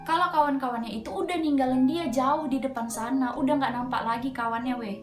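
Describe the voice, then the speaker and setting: A young host from Medan, Indonesia tells a spooky mountain ghost story, her high-pitched voice moving a little fast. She sounds chatty and slangy, sprinkling in filler words often, her Medan Indonesian accent evident. The space echoes, and music plays underneath.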